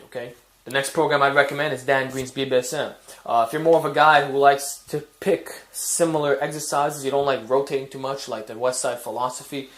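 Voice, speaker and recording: A man hosting a fitness video, giving blunt, casual training advice with frequent fillers and swearing. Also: medium pitch. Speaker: fitness channel host.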